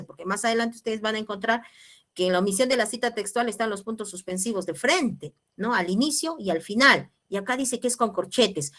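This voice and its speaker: A woman's voice: mid-range voice, pushed and bright. A woman teaching an online class, explaining patiently and checking in with her students. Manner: patient, checks in with tag questions.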